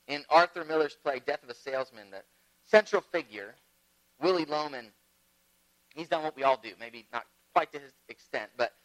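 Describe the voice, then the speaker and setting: A man preaching a sermon, telling stories and moving between loud emphatic phrases and quiet, low asides. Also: rough recording. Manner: storytelling, lively with big swings in loudness. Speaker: pastor.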